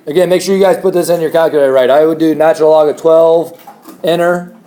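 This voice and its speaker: A man's voice: a little high, steady tone, fast, warm tone. A man teaching a math class, explaining steps in a chatty way and joking with students. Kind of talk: classroom lecture.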